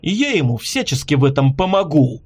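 Audiobook angel, male, winged, wry and unhurried, smirking calm, read by a man. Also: fairly high pitch, slightly rough.

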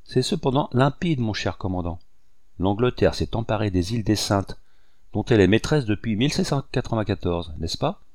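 Storybook role: a mocking English gentleman, haughty and cool, read by a man, deep voice. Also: expressive, moderate pace, no room sound, clean studio sound, close to an everyday voice. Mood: sly. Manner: sneering, courteously haughty.

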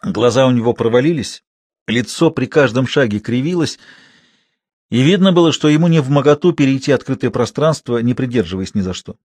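A man narrating a story in a measured, unhurried way. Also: medium pitch, animated, darkish tone, dry recording. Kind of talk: audiobook narration.

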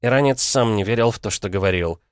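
A man narrating a fantasy audiobook in a steady, even reading. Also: lowish voice, fast, clean tone, dry recording, clean studio sound. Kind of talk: scripted fiction narration.

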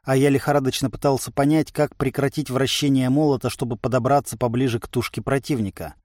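A man narrating a first-person audiobook in a lively, ironic manner. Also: medium pitch, fast talker, no echo, clean studio sound.

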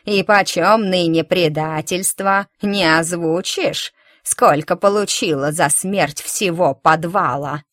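Woman reader putting on a bitter toothless crone for a storybook, slow and loud, a touch low. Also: dry recording, studio quality. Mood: scolding. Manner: slow, loud, drawn-out scolding. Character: spiteful toothless old woman flower-seller, bitter.

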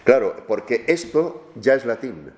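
A man's voice: medium pitch, big pitch swings, unhurried, a little mellow. A man from giving a classroom lecture, explaining step by step and often checking in with his students. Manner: explanatory, with frequent questioning tags to students. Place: lecture room with an audience. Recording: roomy echo of a lecture room.

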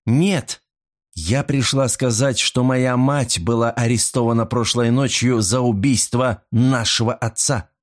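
A man voicing a cold, scheming young woman who speaks in a deliberate, icy way, in a storybook reading. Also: medium pitch, steady tone, pitched above the performer's own voice, lightly acted. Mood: icy, calculating.

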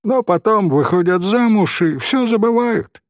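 A man's voice: sits high, very animated, slow, vocal fry, dry recording, studio quality, pitched above the performer's own voice, full character voice. A man reading a story voices a small, self-important boy messenger who talks in a stern, know-it-all way. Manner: pompous, sententious.

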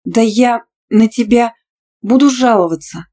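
A woman's voice: medium pitch, normal speed, voice pushed up, natural voice. A woman voicing a young female student who answers back sharply and defiantly. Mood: indignant. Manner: sharp, defiant, easily outraged.

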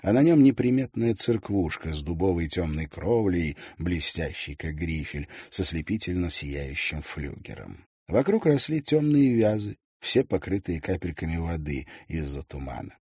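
Husky expressive male audiobook narrator. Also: low voice, normal speed, dry recording, clean studio sound. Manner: expressive, varied delivery.

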